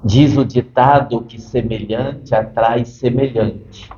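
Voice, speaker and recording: A man speaking as a spirit doctor, slow and unhurried, with a mellow, dark tone. He is measured and drops dry humor into a serious channeled interview, and the recording sounds a little dull. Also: mid-range voice, steady tone, reverberant, a little hiss or hum.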